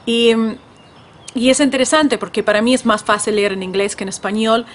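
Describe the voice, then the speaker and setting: A woman's voice: fairly high pitch, moderate pace, slight background noise. A woman hosting a podcast, speaking Spanish in a thoughtful personal monologue. Her accent shifts between several varieties, and she often restarts her phrases. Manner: thoughtful, with frequent restarts and fillers. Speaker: podcast host and language author. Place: California.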